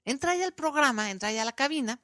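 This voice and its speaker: A Mexican woman hosts her podcast in a casual, chatty way, slipping into little voices as she retells what people said. Her voice is bright and forceful, and the sound is close and dry. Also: high-pitched, rapid-fire, no echo. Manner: animated storytelling, acting out quoted voices. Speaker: podcast host. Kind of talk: casual chat.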